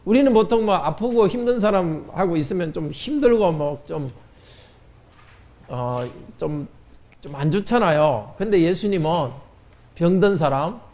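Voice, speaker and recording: A man's voice: on the high side, mellow. A man pastor giving a children's sermon in church, asking the children questions and answering them. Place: church sanctuary.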